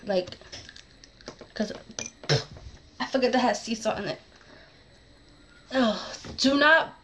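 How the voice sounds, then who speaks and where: High-voiced young woman with a tongue-piercing slur. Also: a little hiss or hum. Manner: slurred, slightly lisping speech from a tongue piercing; rambling, distracted, self-correcting. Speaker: vlogger. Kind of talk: casual advice chat to camera.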